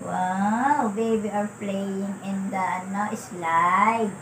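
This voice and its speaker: A woman, a babysitter filming herself as she coos and hushes a toddler in soft baby talk that drifts into English. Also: mid-range voice, very slow, a little hiss or hum. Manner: mixes English words into her talk. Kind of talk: vlog, talking to a toddler.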